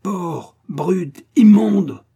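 A man's voice: medium pitch, moderate pace, dull audio, lightly acted. A man voicing a haughty, hot-tempered Russian prince who gives orders and rages in a storybook reading. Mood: furious. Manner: imperious, shouting in fury.

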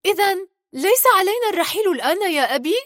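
A woman's voice: extremely high pitch, lively intonation, fast talker, a bit bright, dry recording, studio quality, voice pushed up. A woman voicing an eager, friendly young male clan heir in a storybook tale.

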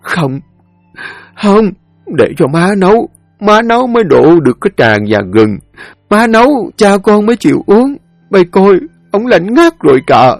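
A man's voice: sits high, very animated, extremely slow, pauses often, dry recording, soft background music, voice pushed up, full character voice. A man voicing a grief-stricken elderly widow who sobs and pleads in a lament for her husband. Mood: dazed.

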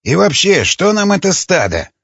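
Husky, sneering cynical fighter, played by a male narrator; dry sound. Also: high-pitched, sing-song, moderate pace, fairly bright tone, no echo, pitched above the performer's own voice, exaggerated voice. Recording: dull lo-fi recording.

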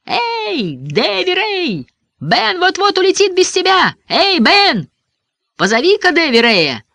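A man voicing an excited young boy who shouts eagerly to his friends, in a storybook reading with a dry, close sound. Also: high voice, normal speed, dry recording, heavily acted. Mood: excited shouting.

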